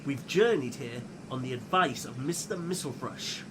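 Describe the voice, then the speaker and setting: A man as earnest woodland guardian, theatrical, swooping high voice, children's storytelling, noisy outdoor recording. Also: animated, moderate pace, natural voice. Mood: friendly, confiding. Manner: theatrical, earnest, addressing young audience as friends. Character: earnest, kindly protector of the woodlands.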